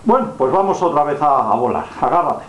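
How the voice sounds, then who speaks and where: Man playing a gentle friendly superhero, echoey room. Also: on the high side, lively intonation, brisk, faint music behind, lightly acted. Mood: encouraging. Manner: gentle, reassuring, simple talk to a child. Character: friendly flying male superhero helping a lost little girl. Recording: dull, echoey home room recording.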